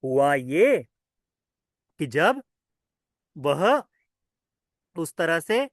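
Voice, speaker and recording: Buddhist monk storytelling to children. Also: male voice, a little high, extremely slow, no room sound, clean studio sound. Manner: lively questioning, asks listeners and answers himself.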